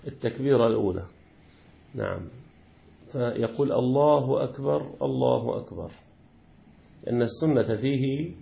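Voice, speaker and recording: A man's voice: mid-range voice, creaky, warm tone. A man, a sheikh teaching a lesson on a classical jurisprudence text, who explains patiently, repeats key words, and asks and answers his own questions. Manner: chants the call-to-prayer words slowly.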